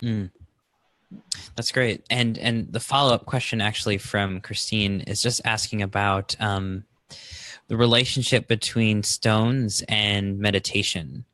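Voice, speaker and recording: Male host, bright and fairly low voice, hesitant questions. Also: steady tone, measured pace, no echo. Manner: hesitant, searching for words. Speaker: host reading audience questions. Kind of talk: interview questions.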